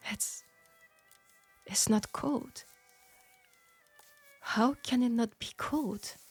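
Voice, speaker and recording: Over soft background music, a French-accented woman plays a young Parisian seamstress, frank, perceptive, and gently reproachful, in an intimate steampunk audio drama, sounding curious and awed. Her voice runs on the high side, soft, breathy, and exaggerated. As an audio roleplay performer she speaks hushed and deliberate, pausing and sighing breathily.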